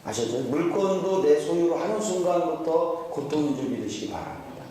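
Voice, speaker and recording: A male pastor with a fairly high voice preaches in a big hall, caught from a distance by the mic. He is playful and keeps calling questions out to the congregation. Faint noise and long reverb hang behind him. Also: very animated, a little fast, mellow. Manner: playful, often quizzes the congregation. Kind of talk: sermon at a conference. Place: large church hall. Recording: echoey hall from far off.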